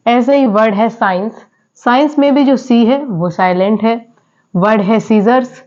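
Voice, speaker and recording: A woman's voice: fairly high pitch, a little slow, darkish tone. A woman teaching English in a classroom style, repeating each word and quizzing her students with questions. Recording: dull lo-fi sound.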